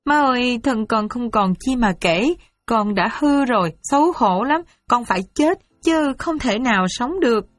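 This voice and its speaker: A woman's voice: fairly high pitch, moderate pace, no room sound, clean studio sound, soft background music, voice pushed up, close to an everyday voice. A woman voicing a young daughter who pleads through tears. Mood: tearful. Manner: tearful, sobbing plea. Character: young daughter, ashamed and weeping.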